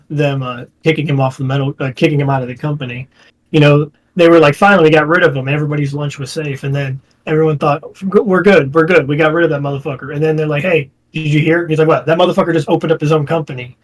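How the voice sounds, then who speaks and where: Animated, foul-mouthed man co-hosting. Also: fairly high pitch, quick pace, rough recording. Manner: animated, acts out quotes, swears a lot. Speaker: podcast co-host. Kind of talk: casual podcast chat.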